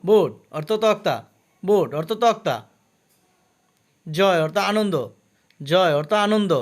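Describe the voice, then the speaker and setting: A man teaching English vocabulary, saying each word and its meaning twice and stopping to explain the pronunciation. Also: sits high. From Bangladesh. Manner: slow, careful drill with pronunciation notes.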